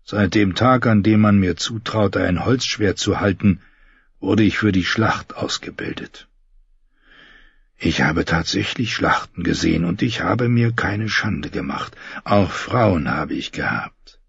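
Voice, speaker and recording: A weary, regretful holy man in his forties, once a knight, as a male audiobook reader plays him. He speaks low and slow, with a gravelly, husky rasp and a quiet, confessional calm. The sound is dull and close. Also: no echo, full character voice. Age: 40s. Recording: dull muffled recording.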